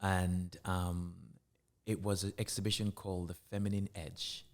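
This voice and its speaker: Man, very deep voice, middle-aged, interview guest, reflective, halting restarts. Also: flat delivery. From Jamaica. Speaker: guest artist and curator. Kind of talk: casual interview conversation.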